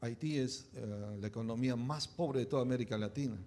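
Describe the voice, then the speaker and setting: A man's voice: mid-range voice, brisk, mellow, slight background noise. A pastor preaching a conversational sermon, often checking in with his listeners with short tag questions.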